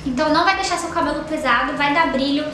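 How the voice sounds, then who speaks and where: A woman's voice: high-pitched, fast, pushed and bright. A young Brazilian woman in her twenties reviewing beauty products in a chatty, gushing way, filling her talk with little tag questions. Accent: Brazilian Portuguese. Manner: chatty, gushing, lots of fillers like "tá?" and "ó". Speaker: beauty vlogger. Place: small indoor room with a sofa. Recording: very echoey room with faint noise.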